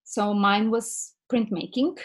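A woman's voice: medium pitch, steady tone, slow. A woman in her forties from Bulgaria, speaking with a Bulgarian accent as a ceramics teacher interviewed on a podcast. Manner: thoughtful, speaks with some fillers.

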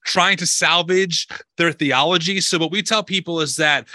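Bright-voiced American man, dry recording. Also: a little high, moderate pace, no echo. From New Jersey, USA. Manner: relaxed, thoughtful, uses fillers. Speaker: podcast guest. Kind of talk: casual interview talk.

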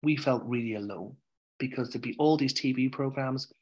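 A candid Irish man telling his story in a frank, conversational way. His voice sits at an everyday middle pitch. He swears freely and drifts onto tangents. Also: normal speed, lo-fi sound. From Ireland. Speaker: podcast guest.

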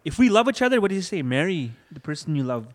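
A young man as an interview guest, giving an earnest personal testimony and going soft and low when moved. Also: big pitch swings, fast, in a large hall. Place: room where he married.

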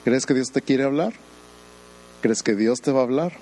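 A male pastor with a middle-pitched voice delivers a lively sermon at a moderate pace. He peppers the congregation with rhetorical questions, mimics doubters in mocking voices, and tosses in joking asides. The recording is rough, with a little hiss or hum.

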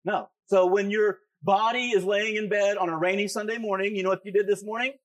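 A man's voice: sits high, fairly even intonation, a little fast, highs cut off. A man preaching a sermon as pastor, emphatic and repeating key phrases for effect. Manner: emphatic, repeats key phrases, talks back to his own flesh.

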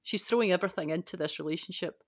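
A woman on a podcast panel joins a conversational Bible discussion, thinking out loud emphatically and raising rhetorical questions. Her voice is fairly low and rapid-fire, and the recording is dry, with clean studio sound.

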